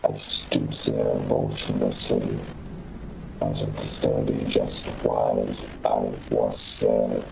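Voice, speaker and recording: Deep gravelly robot. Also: male voice, faint music behind, exaggerated voice, rough recording. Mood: solemn. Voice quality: gravelly, flat, half-whispered. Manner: slow, solemn, introspective. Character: small newly sentient male robot, bewildered, lonely. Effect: deep mechanical robot filter.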